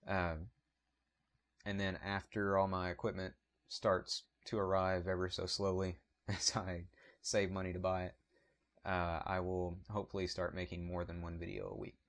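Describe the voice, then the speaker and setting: A man's voice: low-pitched, little pitch movement, moderate pace. A man with a Southern US accent hosting his photography channel, talking casually to camera in an apologetic, rambling way, recorded on a point-and-shoot camera mic.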